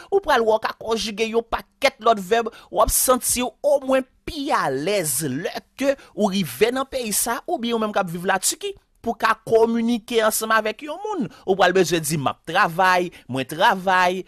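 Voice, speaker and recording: A man with a Haitian accent teaching a language lesson online. He explains each rule slowly and repeats it step by step. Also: high-pitched, fairly bright tone, no echo, studio quality. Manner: slow, repetitive, spells out each rule.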